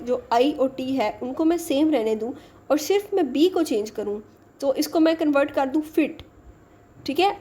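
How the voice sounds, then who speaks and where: Woman lecturer, high and mellow, slow patient explainer who mixes English terms into Hindi-Urdu. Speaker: teacher. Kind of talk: exam-prep lecture.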